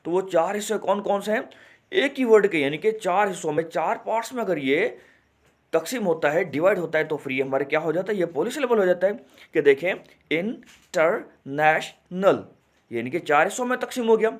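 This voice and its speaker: A man teaching an online English grammar lesson, repeating words slowly and asking rhetorical questions. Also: high voice, lively intonation. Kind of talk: classroom lesson explaining grammar.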